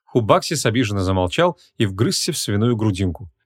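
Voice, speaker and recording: A man narrating a humorous fantasy audiobook in a measured, expressive reading. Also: lowish voice, breathy edge, dry recording.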